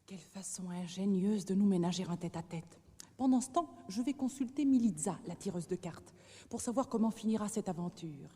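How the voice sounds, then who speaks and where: An actress playing a coquettish widowed countess in a radio operetta, affected and coy. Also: female voice, medium pitch, animated, fairly quick, dark tone, lightly acted. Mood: flirtatious. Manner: coquettish, sing-song, affected. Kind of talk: 1960s radio operetta dialogue. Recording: reverberant radio studio recording.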